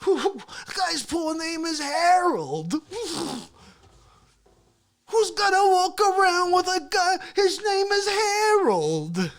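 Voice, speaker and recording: A performer doing a brash male talk-show host who blusters through rambling stories. The pitch is fairly high and swoops widely, and he takes his time with each line. He swings from loud bluster to hushed asides. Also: heavily acted. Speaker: host of a comedy rant show. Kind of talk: comedic character monologue.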